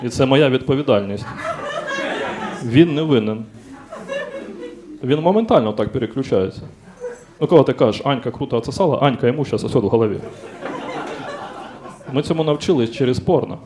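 A man's voice: medium pitch, brisk, pauses often, crowd noise. Crude, blunt stand-up comic man. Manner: crude, blunt punchlines with acted-out dialogue. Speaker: stand-up comedian. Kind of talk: stand-up comedy set. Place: comedy stage in front of a live audience. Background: background music track.

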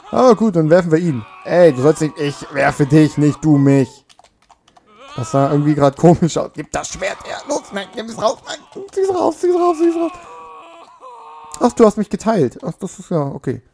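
A man's voice: a little high, lively intonation, normal speed, gravelly, warm tone, a little hiss or hum. A man giving casual, joking commentary while he plays a video game at home on a makeshift mic, scolding his character now and then. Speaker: let's play gamer. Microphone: makeshift home mic setup.

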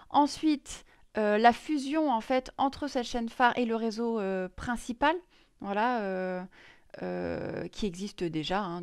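A woman's voice: mid-range voice, clean tone, no room sound, studio quality. A woman presenting crypto news in a casual screen-share explainer, chatty and full of hesitations. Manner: many fillers and restarts, chatty.

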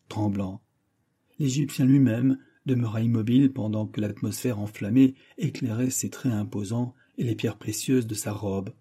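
A male audiobook narrator reads a classic novel in a measured, dramatic way. His voice is very dark and mellow, with a husky edge. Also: mid-range voice. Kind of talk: scripted narration.

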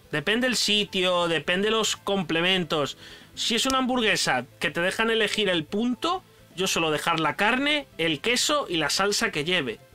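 A young man from Spain with a Spanish accent, chatting casually and animatedly while ranking foods for his channel, full of slang. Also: high voice. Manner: animated, slangy, addresses viewer as "tío". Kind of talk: casual chat, food tier list.

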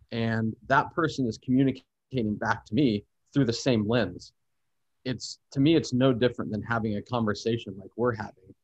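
A man's voice: medium pitch, dry recording, lo-fi sound. A man, a podcast guest, telling reflective stories about travel, teaching and photography in an expansive, thoughtful way. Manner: thoughtful, expansive, speaks of cultural experiences warmly. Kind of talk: reflective storytelling in conversation.

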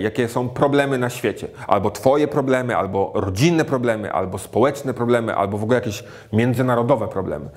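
A man's voice: medium pitch, darkish tone. A man in his thirties giving a children's sermon with storytelling, speaking simply and expressively to small children. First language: Polish. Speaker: children's religious retreat host. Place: small indoor room. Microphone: lapel mic.

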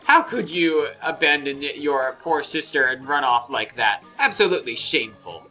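A man voicing a cranky old female elder creature in a gruff, lecturing old-person voice. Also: mid-range voice, expressive, moderate pace, bright, forceful tone, soft background music. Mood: scolding.

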